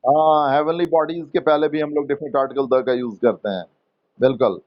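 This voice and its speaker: A man with an Indian accent teaching English grammar in a classroom, slowly coaxing students to answer and explaining rules in Hindi mixed with English terms. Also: mid-range voice, fairly even intonation, highs cut off. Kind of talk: classroom lesson.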